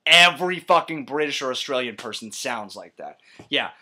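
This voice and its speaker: A man's voice: mid-range voice, animated, moderate pace, pushed and bright. A young man giving a profane, scornful movie-review rant, shifting between mutters and outbursts. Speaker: vlogger.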